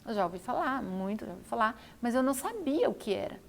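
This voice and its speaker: A woman's voice: a little high, big pitch swings, quick pace, gravelly, a little hiss or hum. A woman telling her own story to camera, repeating phrases for emphasis. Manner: repetitive, emphatic retelling. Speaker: vlogger.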